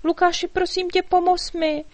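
A woman voicing a small, anxious fairy girl who pleads urgently in a high voice. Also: level tone, no room sound. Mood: urgent pleading.

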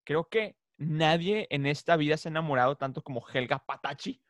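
A man co-hosting a casual podcast chat, playful and quick to laugh. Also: fairly high pitch, a bit bright, dry recording. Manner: playful, laughs often, imitates cartoon voices. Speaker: podcast co-host.

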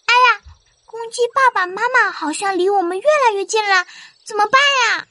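A woman's voice: very high voice, a little fast, no room sound, pitched above the performer's own voice. Woman doing eager little animal friends. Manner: excited, bright childlike calls. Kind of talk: children's storybook reading.

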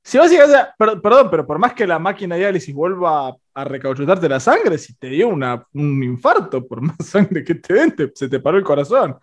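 A young man with a Rioplatense accent, co-hosting a casual film review podcast in an animated, joking way. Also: brisk, hardly any pauses. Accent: Rioplatense Spanish. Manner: animated, joking, voice swings high and low. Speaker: podcast co-host.

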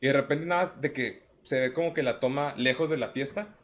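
A man with a Mexican accent chatting casually as a podcast co-host, telling animated stories and acting out quotes. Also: a little fast. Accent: Mexican Spanish. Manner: animated storyteller, acts out quotes in a higher voice. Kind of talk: casual chat about music cameos.

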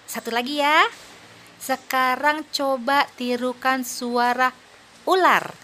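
A woman's voice: high voice, fairly even intonation, bright, forceful tone, slight background noise, heavily acted. A woman playing a cheerful, patient young mother. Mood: encouraging. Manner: patient, praising, speaks slowly for small children. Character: cheerful, encouraging young mother teaching her little daughters. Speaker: mother of two young girls. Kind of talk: scripted children's audio play.

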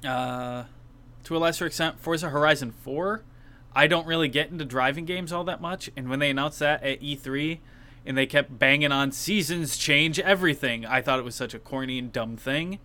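A man co-hosting a casual video game podcast. His voice is bright and crisp, with a clean, smooth sound. He talks frankly and with enthusiasm, and swears freely in the middle of his opinions. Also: medium pitch, fairly quick. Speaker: podcast co-host. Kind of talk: casual game-awards discussion.

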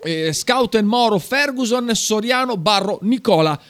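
A high-voiced male radio host, chatting about football in a jokey, laughing way. He reads team lineups off in quick runs. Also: expressive, a bit bright. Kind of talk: casual sports radio chat. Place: small radio studio.

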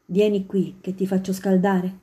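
A woman reading a storybook and voicing a kind old male poet in a soft, gentle, slightly lowered tone. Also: flat delivery, a little slow, natural voice.

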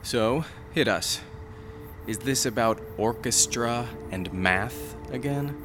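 A man's voice: medium pitch, slow, over music, natural voice. A man playing an easygoing, joking middle-aged father in an audio drama. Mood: light, puzzled. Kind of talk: scripted audio drama acting.

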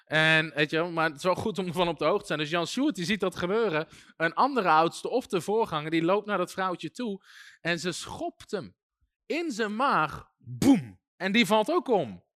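Guy teaching a bible class, lively storyteller, bright voice, real dry mic. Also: high voice, normal speed, no room sound. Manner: lively storytelling, acts out shouting demons, chuckles often. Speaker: preacher teaching a Bible school course. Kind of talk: teaching sermon.

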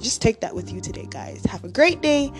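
A young Nigerian woman hosts a casual, faith-based podcast, speaking chatty and upbeat straight to her listeners, though she's clearly just woken up and has an early-morning voice. Her pitch is fairly high and sing-song, her pace a little fast, with faint music in the background.

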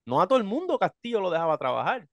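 A man, a professional wrestler, telling animated stories in casual chat and acting out voices. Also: high-pitched, very fast, no room sound, muffled recording. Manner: animated storyteller, acts out voices, says brother.

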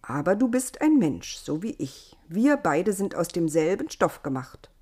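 A woman voicing an earnest, gentle young man in a storybook reading, a bit lower than her own voice. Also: very animated, a little slow.

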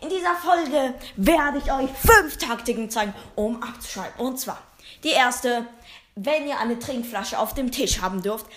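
A woman's voice: on the high side, animated, measured pace, fairly bright tone. A girl presenting a school comedy sketch, giggly and flustered.

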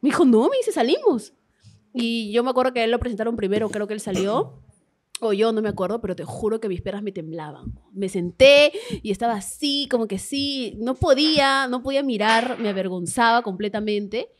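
A young woman telling a story in casual chat, animated and self-mocking, swearing freely. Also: on the high side, a little fast. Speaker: guest comedian.

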